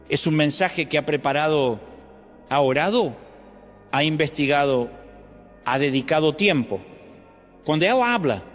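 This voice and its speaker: A man with an Argentine accent, a pastor delivering an animated sermon to his congregation. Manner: animated preaching with sweeping pitch jumps. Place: large church auditorium. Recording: long hall reverb with faint music. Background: faint music.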